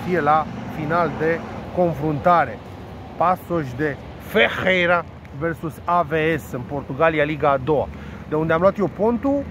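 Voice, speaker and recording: A man's voice: on the high side, noisy background. A man casually talking through the day's sports betting tips outdoors, joking crudely and playfully mangling foreign team names. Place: outdoors, caught in rain.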